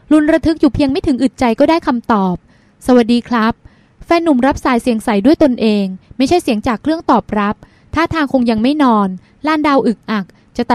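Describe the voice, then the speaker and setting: A woman narrating a novel, reading in a steady, expressive way. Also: high-pitched, no echo. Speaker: audiobook narrator. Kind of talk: scripted narration.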